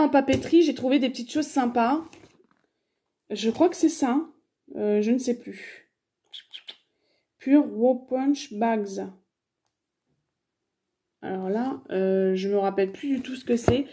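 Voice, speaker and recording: A woman's voice: fairly high pitch, mellow. A woman in her thirties chatting casually through a shopping haul, hesitant and full of fillers. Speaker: haul vlogger.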